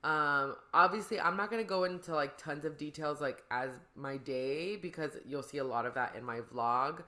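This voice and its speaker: A woman's voice: sits low, moderate pace, pushed and bright. A woman hosting a podcast, chatting casually in a rambling, slangy way. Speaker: podcast host. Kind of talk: casual chat.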